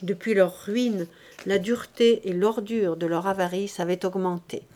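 A woman with a mid-range voice reads a classic novel for an audiobook, her delivery measured and expressive.

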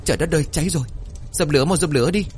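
A man's voice: on the high side, racing, voice pushed up, close to an everyday voice. A man voicing a dazed older man who cries out in alarm. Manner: alarmed, shouting.

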